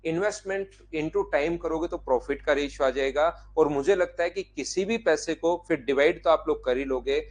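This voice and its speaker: A man's voice: on the high side, normal speed, few pauses. A man, teaching an online math class, explaining step by step and asking students to answer yes or no.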